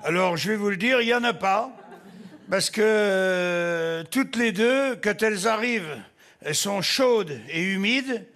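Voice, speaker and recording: A man telling quick one-liner jokes on stage with punchy delivery. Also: sits high. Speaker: stand-up comedian. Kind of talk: live joke-telling. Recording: live stage with loud audience.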